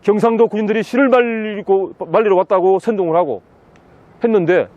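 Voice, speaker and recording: A man's voice: high-pitched, a little fast, no echo, muffled recording. A man giving an impassioned outdoor interview, pressing his points by repeating the same words again and again. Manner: insistent, hammers key words again and again. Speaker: interviewee, political commentator. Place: outdoors in a city.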